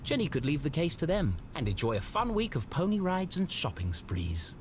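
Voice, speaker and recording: A man's voice: fairly high pitch, huge pitch swings, normal speed, noisy background. A man playing a wry, theatrical storybook narrator in a video game. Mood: wry, dramatic. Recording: music behind the voice.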